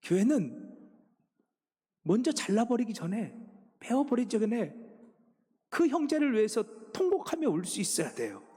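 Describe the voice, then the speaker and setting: A man preaching a sermon as senior pastor, swinging from hushed pleading to loud, emphatic exhortation. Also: very high-pitched, sing-song, moderate pace, pauses often, slightly rough. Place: church sanctuary. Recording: long reverb of a church sanctuary.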